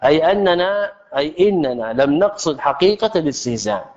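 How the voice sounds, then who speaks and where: A man's voice: on the high side, expressive, a little fast, darkish tone. A man teaching an Islamic text in a religious lecture, speaking emphatically and posing rhetorical questions to his audience. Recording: echoey hall, dull lo-fi sound.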